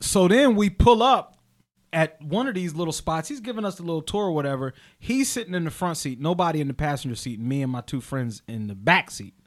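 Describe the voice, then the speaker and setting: This young podcast host talks fairly quickly, his voice on the high side. Animated and casual, he relates stories and performs the people in them using different voices.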